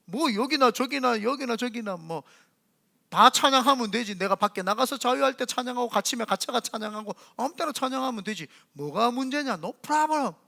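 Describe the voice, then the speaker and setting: A middle-aged male pastor preaching. His voice sits high for a man and has a gravelly edge that gets noticeably rough in places. He tells his stories vividly and acts out the voices himself. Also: normal speed. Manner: animated storytelling, acting out voices in quotes. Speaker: senior pastor. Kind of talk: sermon.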